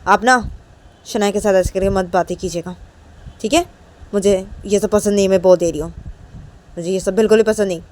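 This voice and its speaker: A woman's voice: mid-range voice, warm tone, lightly acted. A woman voicing a defiant young woman who insistently repeats her warnings to her mother.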